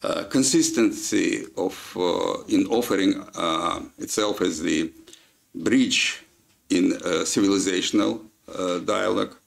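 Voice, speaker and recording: A man from Kazakhstan with a Kazakh accent, giving a formal lecture in a halting way with many filler sounds. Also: low voice, creaky. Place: lecture hall.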